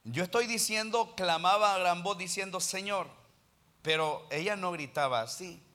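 A man preaching a sermon with passion, calling his listeners brother and rising into loud stretches. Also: high voice, normal speed. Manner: impassioned preaching, addresses listeners as brother, rises to loud passages. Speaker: pastor.

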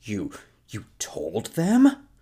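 An actor playing a proud, bitter, injured frontier man who talks gruffly and defiantly in a TV drama. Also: deep voice, expressive, slow pace, heavily acted.

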